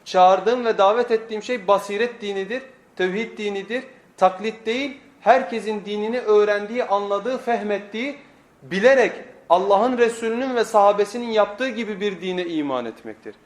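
Male preacher, high-pitched voice, emphatic and instructive sermon delivery, recorded in a reverberant room. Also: moderate pace. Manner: emphatic, didactic, rhetorical questions to the congregation. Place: echoing indoor room, speaking from a pulpit. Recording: echoey room.

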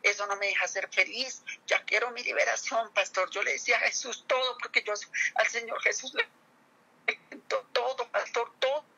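A middle-aged woman pours out a personal religious testimony to a pastor, earnest and emotional, turning back to him often. Her voice is bright and sharp-edged, with a husky rasp and a gravelly fry at the ends of phrases. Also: a little high, steady tone, normal speed, poor audio. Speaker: church member giving testimony to a pastor.

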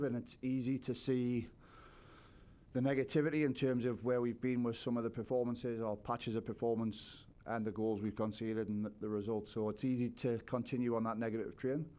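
A man's voice: medium pitch, flat delivery, brisk, darkish tone, smooth. A man in his forties, a head coach, giving thoughtful postgame answers at a press conference, seated at a table with a microphone. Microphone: table microphone on a stand.

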